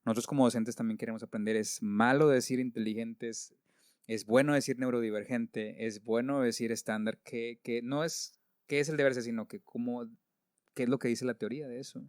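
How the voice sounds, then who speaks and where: A man's voice: mid-range voice, fairly even intonation, fairly quick, darkish tone, clean tone, no room sound, clean studio sound. A man with a Mexican accent, a teacher hosting a podcast, talking informally and jumping in with questions. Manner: chatty, informal, jumps in with questions. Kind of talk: casual conversational interview.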